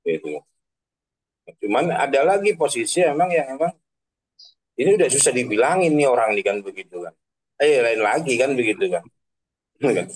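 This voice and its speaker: A male Islamic preacher gives a casual online religious talk in slangy everyday phrasing, tagging sentences with "kan begitu" and laughing at his own examples. His medium-pitched voice is animated, slightly rough, and at normal speed with frequent pauses, and the audio is poor.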